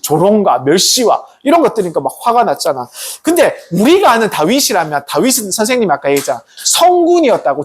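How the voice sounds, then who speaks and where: Pastor, youth sermon, animated storytelling, swooping intonation, a bit husky, keeps asking the kids questions. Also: mid-range voice. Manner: animated, asks the kids questions often, tag questions. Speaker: pastor preaching to a youth group.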